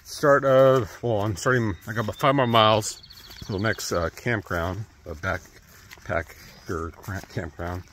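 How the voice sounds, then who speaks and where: Rambling low-voiced man hiking outdoors. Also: a little slow, fairly bright tone. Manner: rambling, trailing off with fillers. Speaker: thru-hiker vlogger. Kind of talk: casual trail vlog. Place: outdoors on a wooded trail. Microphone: earbud mic, phone at arm's length.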